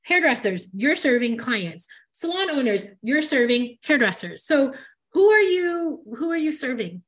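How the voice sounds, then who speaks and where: A woman's voice: high-pitched, big pitch swings, unhurried. A woman hosting a casual podcast chat, talking emphatically and addressing listeners directly. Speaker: podcast host, hair educator.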